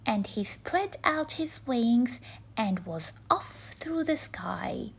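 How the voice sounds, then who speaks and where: Female storyteller for children's rhyming read-aloud: expressive, unhurried, breathy with some creak. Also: a little high. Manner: dramatic, rhythmic phrasing.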